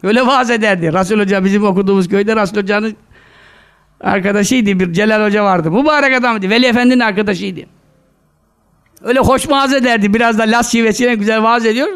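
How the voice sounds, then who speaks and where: A man preaching a sermon, animated and scolding, firing rhetorical questions and mixing in quoted Arabic scripture. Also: high voice, fast, smooth. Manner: mixes quoted Arabic scripture into his talk. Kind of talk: sermon to a live gathering.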